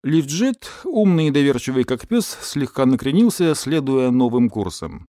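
A man narrating an audiobook, telling the story expressively and giving the characters lively voices. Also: mid-range voice, moderate pace, no echo, studio quality.

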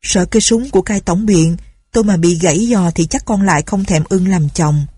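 A woman's voice: on the low side, moderate pace, mellow, slightly rough, dry recording. A woman voicing a timid young village man who pleads fearfully.

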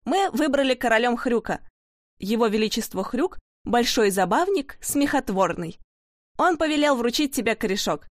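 A woman's voice: fairly high pitch, lively intonation, normal speed, no echo, clean studio sound, close to an everyday voice. A woman voicing a cheerful, pushy prankster who coaxes a boy along. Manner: bouncy, coaxing.

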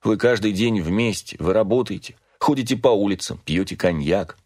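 Guy doing a quiet worn-out young son, low voice, resigned, audiobook reading. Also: moderate pace, lightly acted. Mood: hurt. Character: despairing young man, tearful and withdrawn son.

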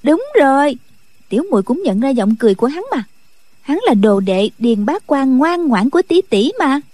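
A woman's voice: sits high, animated, brisk, no echo. A woman voicing a mischievous young girl who teases and bosses others in a martial-arts audiobook. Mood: teasing. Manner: playful and bossy.

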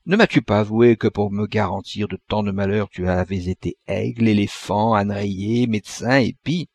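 Man doing young dying man, indignant, pleading questions, gravelly, husky voice. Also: on the low side, fairly even intonation, normal speed, a little mellow, no echo. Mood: frantic. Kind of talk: audiobook character reading.

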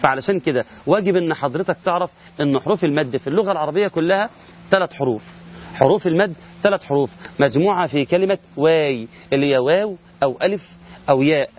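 A middle-aged man with an Egyptian Arabic accent teaches Quran recitation rules in a recorded lesson, explaining step by step, posing and answering his own questions, and drawing out sample words. His voice is fairly high and fast, and the recording is muffled.

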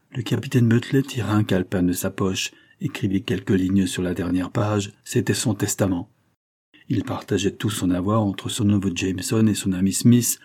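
A man narrating an audiobook of a classic novel in a measured, dramatic way. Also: deep voice, darkish tone, husky.

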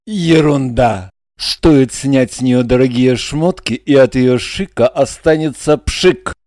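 A man playing an irritable, hot-tempered young boyfriend in an audiobook drama, talking curtly and shouting curses. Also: medium pitch, slow, no room sound, natural voice. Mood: dismissive.

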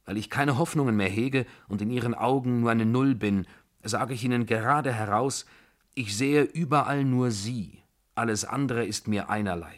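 A feverish young tutor pours out his love in an agitated, pleading rush, read by a man. The voice is low and husky, and its pitch swings widely in this spoken audiobook. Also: lively intonation, normal speed. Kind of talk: audiobook dialogue.

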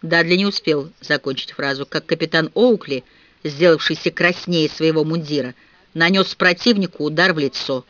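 A man reading a story aloud as an audiobook narrator, expressive and animated. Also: on the high side, normal speed, dry recording. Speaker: audiobook reader. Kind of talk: scripted narration. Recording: dull dry audiobook recording.

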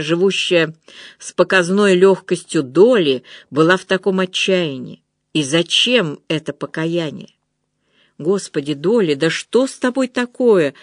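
A narrator reading a novel aloud in a measured storytelling manner. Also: mid-range voice, a bit bright, no echo, clean studio sound. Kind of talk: audiobook narration.

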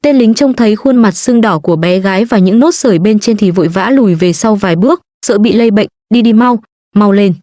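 A woman reading a story aloud in a steady, even narration. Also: mid-range voice, fast, hardly any pauses, dry recording, clean studio sound. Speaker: audiobook narrator.

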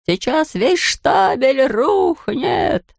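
Loud male foreman voiced by a woman, shouting high and drawn out, storybook audiobook. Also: very animated, drawn-out words, gravelly, dry recording, clean studio sound, exaggerated voice. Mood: alarmed.

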